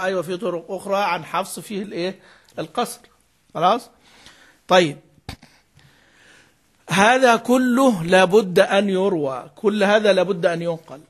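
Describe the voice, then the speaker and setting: A man's voice: high-pitched, a bit bright. A man teaching the rules of Quran recitation, repeating key terms and prompting his students to fill in answers. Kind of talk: lecture on Quran reading rules.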